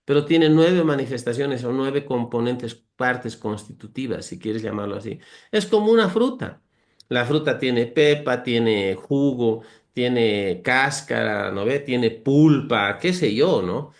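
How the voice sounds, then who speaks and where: A man of ordinary pitch leads a conversational Bible teaching, reading verses aloud and unpacking them earnestly. He lists virtues one by one and uses homely, humorous comparisons, addressing his listeners as brothers. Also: animated, a little slow.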